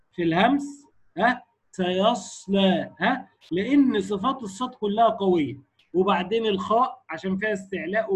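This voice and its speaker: A man with an Egyptian accent lectures on Quran recitation in a high, husky voice. He keeps prodding the class with short questions and drags his example words out slowly to show the sounds. It is a recorded lesson for his students. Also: a bit bright, poor audio. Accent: Egyptian Arabic.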